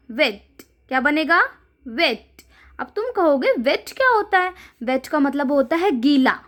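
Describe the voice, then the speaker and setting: A woman's voice: high-pitched, a bit bright. A woman teacher giving a phonics lesson to young children, asking questions and answering them herself in a sing-song way. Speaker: primary school teacher.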